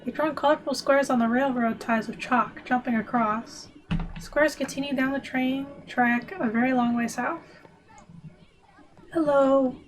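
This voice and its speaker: A woman's voice: sits high, fairly even intonation, moderate pace, noisy background. A woman streaming a text adventure, reading the game text aloud with wry asides to herself.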